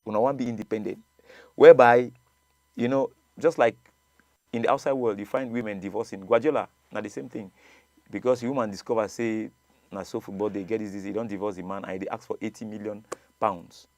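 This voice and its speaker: Low-voiced Nigerian man debating casually. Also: fairly even intonation, a little fast, a little mellow, no room sound. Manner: emphatic, repeats words, laughs often. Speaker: coach and show guest.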